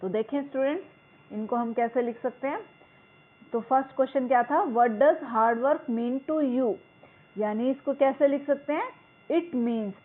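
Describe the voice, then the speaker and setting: Woman, teacher, slightly high voice, slow deliberate reading, tinny phone-line sound. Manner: reads English lines slowly and deliberately, explains in Hindi. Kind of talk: explaining a school English lesson.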